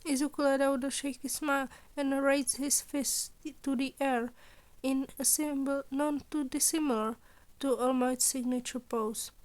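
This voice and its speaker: For a podfic, a woman with a notably high voice reads a written story aloud, delivering the prose as scripted storytelling.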